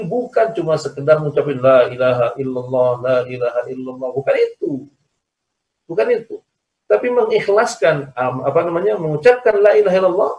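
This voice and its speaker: A man's voice: fairly high pitch, darkish tone. Man teaching an online religious lesson. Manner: explains by repetition, asks "ya kan?". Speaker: Islamic teacher. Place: recorded over a video call. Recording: echoey, distant video-call audio.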